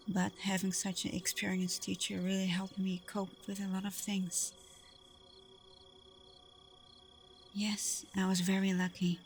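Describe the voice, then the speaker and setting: In an ASMR roleplay, a woman plays a gentle, protective vampire girlfriend, speaking softly and often almost in a whisper. Her mid-range voice sits close to everyday speech and sounds breathy, soothing, and unhurried, with a wistful mood.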